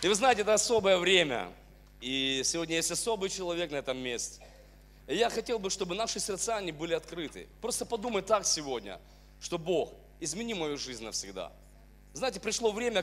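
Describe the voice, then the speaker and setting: Church host, man, thirties, high bright voice, fervent preacher's drive, handheld mic on a big stage. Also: very animated, brisk. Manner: fervent, exclaiming praise, then earnest exhortation. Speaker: worship leader and church host. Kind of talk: worship leading and sermon-style welcome. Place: large church hall stage with band.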